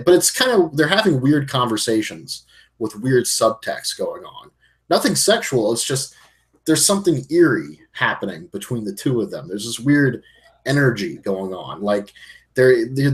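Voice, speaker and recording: Rambling man in casual podcast chat. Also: mid-range voice. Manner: rambling, circling back mid-sentence. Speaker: podcast co-host. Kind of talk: casual chat recapping a film.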